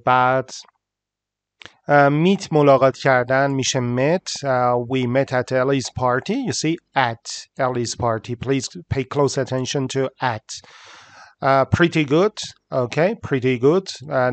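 A man's voice: medium pitch, dry recording. Man teaching English phrases. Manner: switches between slow English examples and quick explanations. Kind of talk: explaining an English listening lesson.

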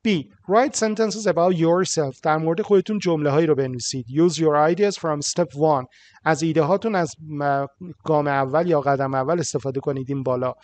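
A man with a Persian accent teaching an English writing lesson. He reads each English line slowly and clearly, then translates it quickly with small fillers. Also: a little high, darkish tone.

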